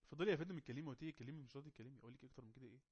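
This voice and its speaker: Fast-talking Egyptian man coaxing his class. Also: mid-range voice, warm tone, breathy edge, highs cut off. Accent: Egyptian Arabic. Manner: coaxing, teasing students to speak up. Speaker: teacher running an online English class. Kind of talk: casual online class moderation.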